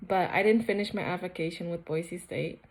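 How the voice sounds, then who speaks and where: A young woman from Cambodia tells her personal faith story in a casual, earnest vlog. Her voice sits low with a gravelly, creaky texture. She rambles warmly through fillers and restarts. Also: fairly quick. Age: young adult.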